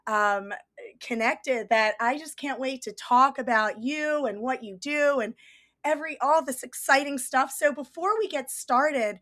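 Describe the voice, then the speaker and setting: A woman hosts her podcast with a raspy, hoarse voice from a cold. Her tone is bright and forceful, sitting somewhat high, and she gushes with enthusiasm. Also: measured pace. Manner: upbeat, enthusiastic, gushing. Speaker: podcast host. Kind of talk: energetic podcast hosting.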